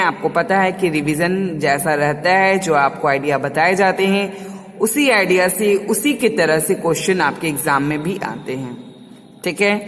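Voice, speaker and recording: A woman's voice: fairly low pitch, long reverb tail. A woman teacher giving a revision class to small children, patiently repeating words for them to say back.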